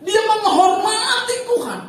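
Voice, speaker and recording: A woman preacher giving a lively church sermon, speaking straight to the congregation and acting out the voices of people in her stories. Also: extremely high pitch, measured pace. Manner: lively, addresses the congregation directly and acts out quoted speech. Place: large church service. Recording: very echoey church hall, distant mic, faint noise.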